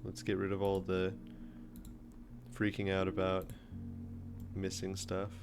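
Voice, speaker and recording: A man streams live over background music, casually chatting and musing with ums as he works on a design; he's a streamer and engineering teacher. His low voice is completely flat and slow.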